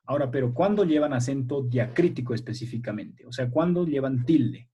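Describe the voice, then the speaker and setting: Patient male teacher, dark husky voice. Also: medium pitch, expressive, a little fast, muffled recording. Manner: patient, encouraging, checks in often with "a ver" and "¿ya?". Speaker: primary school language teacher. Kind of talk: online class Q&A with pupils. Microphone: video call.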